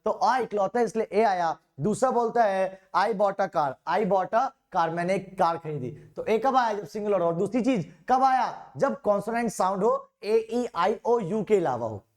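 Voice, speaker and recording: A man teaching an exam-prep grammar lesson, chatty and informal, reading out example sentences slowly and often correcting himself mid-sentence. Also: high-pitched, expressive. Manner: informal, repeatedly calls students "bhaiya".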